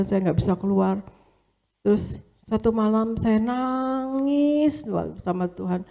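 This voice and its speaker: A woman's voice: mid-range voice, dark tone. A woman, a pastor's wife, telling a conversational church testimony and often addressing her listeners directly. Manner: storytelling, often addressing listeners as brothers and sisters; casual colloquial speech with fillers and repetitions.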